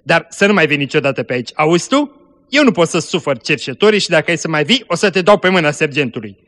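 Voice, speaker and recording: A man playing a gruff street merchant. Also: fairly high pitch, very animated. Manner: stern, pressing, then gentler. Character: gruff but kind-hearted male street merchant.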